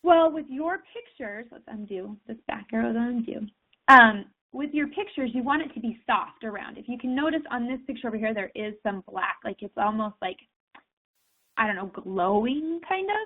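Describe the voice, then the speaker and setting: The tutorial host speaks at normal speed in a slightly high, animated voice, loose and chatty with lots of fillers while sharing her screen. Occasional sniffles betray her cold, and everything comes through thin and tinny like a phone line.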